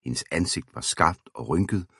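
A man narrating a historical storybook aloud in a steady, even way. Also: extremely low pitch, gravelly, breathy edge, no echo, clean studio sound. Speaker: audiobook reader.

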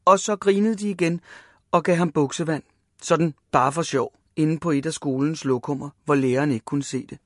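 A man reading a children's story aloud, lively and voicing the characters. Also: a little high, no echo, studio quality.

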